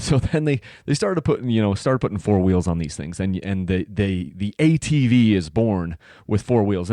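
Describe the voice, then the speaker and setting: Male podcast host, late 30s, lowish voice, loose rambling delivery; dry close mic. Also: a little mellow, no echo. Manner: rambling, many fillers and restarts. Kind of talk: casual solo podcast talk.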